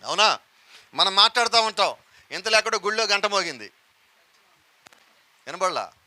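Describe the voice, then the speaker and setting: A man preaching a sermon in a bright, piercing, high voice. He keeps asking the congregation questions and urging them to answer out loud. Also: lively intonation, brisk. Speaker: pastor.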